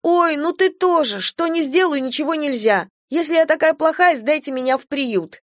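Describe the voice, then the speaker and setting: A woman reading a story voices a cheeky, teasing young girl, pitching her voice above her own natural voice and acting it lightly. The girl comes across as whiny. Her voice sits high at a moderate pace, recorded dry with clean studio sound.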